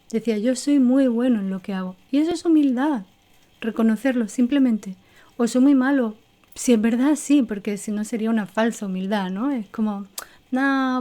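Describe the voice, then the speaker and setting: A woman with a Spanish accent from Spain leads a gentle lesson on feelings, her voice mellow and a touch high. She talks reflectively, repeating key words and checking in with soft questions. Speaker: teacher. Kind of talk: guided emotional lesson with exercises.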